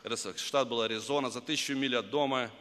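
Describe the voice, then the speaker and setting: A middle-aged man preaching an emotional sermon, telling stories earnestly and rising to loud, fervent pleas. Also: mid-range voice, fast, long reverb tail. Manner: earnest storytelling, swelling to loud fervent pleading.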